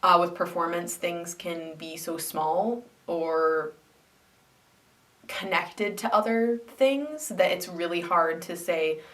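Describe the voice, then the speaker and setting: A woman's voice: fairly low pitch, slow, fairly bright tone, distant mic. A young woman vlogger, congested after flu, chatting casually about her hobby with many ums and likes. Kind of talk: casual chat to camera.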